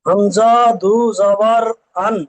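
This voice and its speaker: A male student reciting letters slowly and carefully for his teacher. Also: high voice, flat delivery, dry recording.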